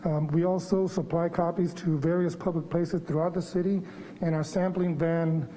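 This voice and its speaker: A water quality manager gives a formal staff presentation at a public board meeting, his speech slightly muffled by the face mask he wears. He talks at a moderate pace in a mellow, fairly high voice with little pitch movement, over a little hiss or hum.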